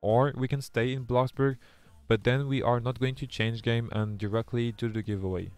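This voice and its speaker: Reading his chat aloud on a live game stream, this young Frenchman speaks with a French accent and keeps restarting his sentences in an earnest way. His medium-pitched voice has fairly even intonation at a normal speed, with a darkish, clear, resonant tone.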